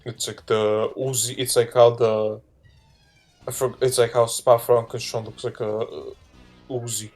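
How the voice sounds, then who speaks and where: A man's voice: medium pitch, level tone, a little slow, darkish tone, soft background music. Guy streaming with hiccups, rambly kinda slurry talk, regular mid voice. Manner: rambling, slurred-sounding delivery. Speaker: streamer hosting a game showcase. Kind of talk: casual live-stream chat.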